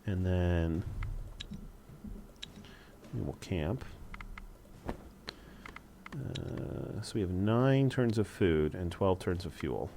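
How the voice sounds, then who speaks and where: A man's voice: sits low, lively intonation, extremely slow, gravelly, long pauses, dark tone, slight background noise. A man casually commenting on a strategy game as he plays, thinking aloud with wry asides. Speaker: let's play host.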